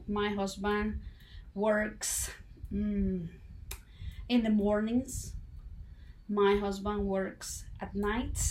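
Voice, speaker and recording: A woman's voice: medium pitch, a little hiss or hum. A woman teaching an English lesson, who explains each rule patiently and keeps checking in with her listeners. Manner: patient, checks in with ¿sí? and ¿ok?, spells out English examples slowly.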